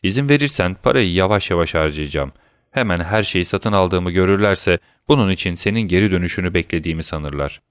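A man reading aloud as a frail, poor old father, soft and reassuring to his son. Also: sits low, lively intonation, a little fast, clear, resonant tone, dry recording, clean studio sound. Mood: gentle.

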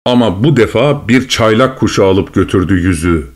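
A man's voice: on the low side, moderate pace. Man narrating a fairy tale. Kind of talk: storybook reading.

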